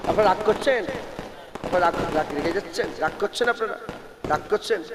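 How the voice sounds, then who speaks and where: High-voiced preacher shouting to a crowd. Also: male voice, fairly quick. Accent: Bengali. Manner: calls to the crowd for answers, chants Arabic verses. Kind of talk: sermon. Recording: echoey outdoor sound system with loud background noise.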